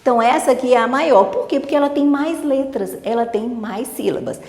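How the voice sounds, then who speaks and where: A woman's voice: fairly high pitch, a little fast, darkish tone. A woman teacher explaining a literacy lesson patiently, step by step, checking in with her listeners. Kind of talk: online teacher-training lesson. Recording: echoey room with long reverb.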